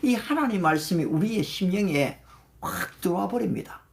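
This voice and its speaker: An older man leading a livestreamed prayer meeting, reciting Bible verses slowly in English and thanking viewers by name. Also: high-pitched, expressive, vocal fry. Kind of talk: livestreamed devotional talk.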